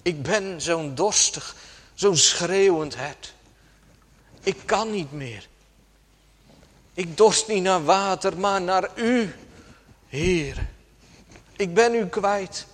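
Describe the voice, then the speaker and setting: A man preaching a sermon slowly and dramatically, dropping suddenly to a hush at times. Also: high-pitched, lively intonation. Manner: slow, dramatic preaching with sudden soft drops. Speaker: pastor. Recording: long church reverb.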